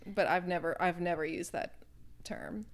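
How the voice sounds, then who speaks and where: A woman talking casually, thoughtful and quick to laugh. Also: on the low side. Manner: thoughtful, chatty, laughs easily. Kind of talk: casual chat.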